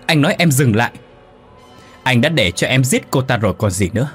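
A man's voice: medium pitch, animated, a little fast, breathy edge, soft background music. Man voicing a stern protective husband ghost. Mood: angry. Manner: shouting rebukes.

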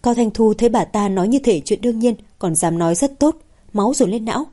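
A woman's voice: fairly high pitch, brisk, mellow. A woman reading a novel aloud as narrator. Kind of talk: scripted audiobook narration.

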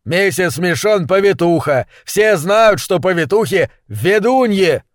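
A man voicing an angry townsperson shouting accusations from a crowd. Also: high voice, animated, measured pace, dry recording, studio quality, pitched above the performer's own voice. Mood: accusing.

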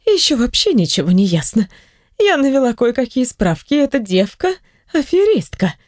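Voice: medium pitch, sing-song, normal speed, no room sound, clean studio sound, voice pushed up, close to an everyday voice. A reader voicing a scheming, spiteful wealthy mother who talks shrilly and accusingly. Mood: furious.

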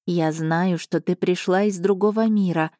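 A woman reading an audiobook voices an ancient female island spirit who speaks slowly and solemnly, imploring for help. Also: lowish voice, steady tone, mellow, no room sound, clean studio sound, lightly acted. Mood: solemn pleading. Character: ancient female island spirit, pleading, gentle yet sorrowful.

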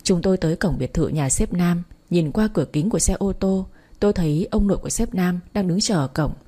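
A woman reading a romance story aloud in the first person, steady and even. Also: fairly low pitch, fairly quick, breathy edge. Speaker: story narrator. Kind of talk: first-person audiobook narration.

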